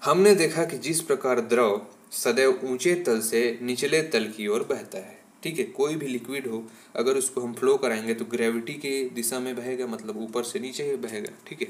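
A man's voice: medium pitch, moderate pace, hardly any pauses. A male teacher giving an exam-prep lesson, explaining step by step, often checking in with "ठीक है" and asking rhetorical questions.

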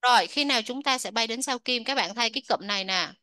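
A woman teaching English with a bright, slightly high voice. She explains the textbook, asks her students questions, and repeats each word slowly so they can say it after her. The sound is dry and close. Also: dry recording.

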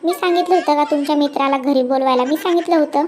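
Meek, squeaky cartoon cat wife with a faint hiss behind, voiced by one performer. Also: fast talker. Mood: pleading. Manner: pleading, defensive.

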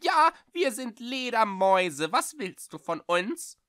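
A man voicing thin-voiced, hostile bat creatures in a storybook reading, sharp and mocking. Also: sits high, big pitch swings, slow, clear, resonant tone, no echo, studio quality, pitched above the performer's own voice, heavily acted. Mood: sneering.

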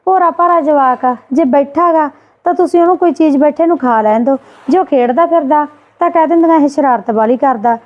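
Fast-talking indignant woman, muffled audio. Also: high voice. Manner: indignant, scolding. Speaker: sister-in-law character in a family skit. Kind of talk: Punjabi family drama skit.

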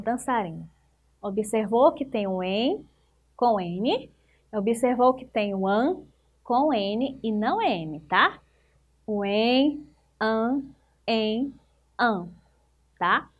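A woman teacher with a Brazilian Portuguese accent, going through a primary school worksheet and drawing out words slowly and encouragingly for young children. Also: fairly high pitch. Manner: slow, deliberate, encouraging, stretches out words for children. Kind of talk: primary school lesson correcting exercises.

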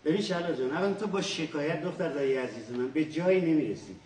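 An actor playing a teasing, placating lawyer who is trying to calm his cousin, in a stage comedy. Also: on the high side, slight background noise, natural voice. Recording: distant echoey stage recording.

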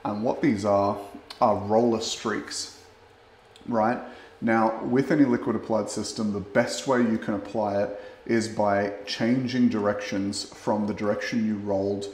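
Tradesman type, 30s, easygoing explainer, lowish voice, roomy echo from a bare bathroom. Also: measured pace, slight background noise. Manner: relaxed, explanatory, with fillers. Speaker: waterproofing expert. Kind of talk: on-site walkthrough explanation. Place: bathroom under renovation, indoors. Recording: echoey small tiled room.

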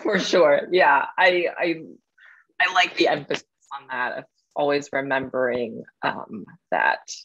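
A woman's voice: deep voice, unhurried, fairly bright tone, muffled recording. A woman hosting an interview as a scholar, speaking thoughtfully and hedging her points with frequent fillers. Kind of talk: conversational interview.

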